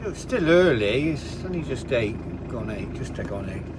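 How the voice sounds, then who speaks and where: A rambling older Englishman chats casually to the camera about his day, now and then turning to talk to his dogs. His pitch swings freely up and down as he talks. The recording is noisy, with vehicle and outdoor sounds behind him. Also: very animated, normal speed. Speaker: vanlife vlogger. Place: in and around a van.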